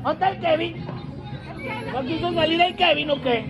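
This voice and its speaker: A man with a Mexican accent working as a party clown in the street, loud and teasing, often shouting jokes at people around him. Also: very high-pitched, moderate pace, music in the background. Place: outdoors on a busy street. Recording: dull street recording with a loud crowd.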